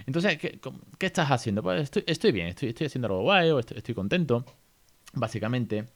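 A man with an accent from Spain hosting a casual podcast lesson for parents, chatty and animated, often tagging his sentences with little questions. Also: medium pitch, fast talker. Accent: Spain Spanish. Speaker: podcast host teaching English to parents.

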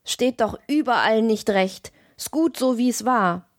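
A woman's voice: on the high side, measured pace, no echo, close to an everyday voice. Sinister old man, hissing and lisping, in a dry audiobook read, as a woman puts him on. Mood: menacing.

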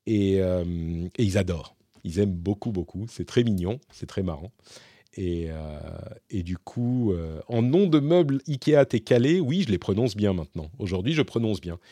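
Low, mellow-voiced man answering questions. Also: expressive, normal speed, no room sound, studio quality. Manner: hesitant, thinks aloud, self-correcting. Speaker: podcast host answering listener questions. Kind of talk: casual Q&A monologue.

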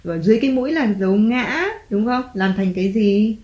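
A woman's voice: medium pitch, darkish tone. Encouraging mother, echoey room. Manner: patient, encouraging, drawn-out spelling. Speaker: mother teaching her child. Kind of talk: home reading lesson for a child. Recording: echoey room, faint background music.

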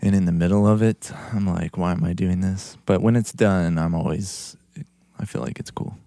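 A man, co-hosting a casual church-staff podcast and pausing often on fillers. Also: low-pitched, fairly even intonation, gravelly, warm tone, no room sound. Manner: hesitant, many fillers. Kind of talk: casual chat.

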